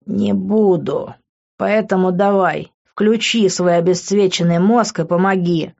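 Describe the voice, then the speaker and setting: A woman's voice: medium pitch, a little slow, gravelly, a little mellow, highs cut off. A woman reading the part of a jealous, lovesick young man who snaps at others. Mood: impatient. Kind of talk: audiobook character reading.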